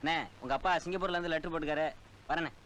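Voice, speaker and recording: Brief: man as a fast-talking, reassuring young husband. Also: fairly high pitch, steady tone, fairly bright tone, a little hiss or hum, close to an everyday voice. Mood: calm.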